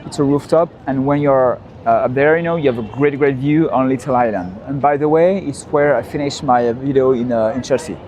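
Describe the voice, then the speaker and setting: A French man hosts a livestreamed walking tour on busy city streets, chatting as he strolls and often repeating himself with "you know" asides. His medium-pitched voice moves fairly quickly with hardly any pauses, the audio dull and loud traffic and street noise behind him.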